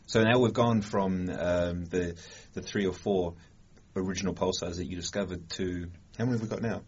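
A man hosts a science interview, pausing and restarting as he shapes his questions. His voice is lowish and husky. The sound is dull and lo-fi. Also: fairly even intonation. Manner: halting, searching for words. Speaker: podcast interviewer. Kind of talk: conversational interview.

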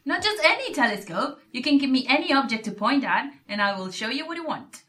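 A woman's voice: high voice, very animated, brisk, fairly bright tone. A woman voicing a helpful talking magic telescope, heard from off-mic.

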